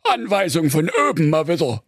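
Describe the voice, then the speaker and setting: A man voicing a stressed, foul-mouthed middle-aged huntsman who gripes loudly and hoarsely about orders from above. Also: a little high, very animated, fairly quick, dry recording, clean studio sound, voice pushed up. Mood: griping. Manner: loud, griping, cursing, husky.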